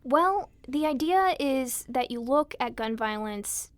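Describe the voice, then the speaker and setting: A woman health reporter in a studio conversation, explaining a concept deliberately. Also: sits high, animated.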